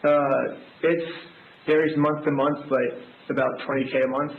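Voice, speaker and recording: Hesitant man in low sample rate audio. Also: flat delivery, normal speed. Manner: hesitant, with fillers. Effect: low sample rate, compressed and distorted audio. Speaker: defendant. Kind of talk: answering a judge at a court hearing. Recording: tinny low-bandwidth call recording, roomy, faint hiss.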